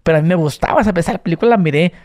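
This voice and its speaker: A man's voice: on the high side, racing, a little mellow. A Mexican man hosting a podcast, chatting casually in heavy slang and acting out voices he quotes. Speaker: podcast host. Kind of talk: casual chat.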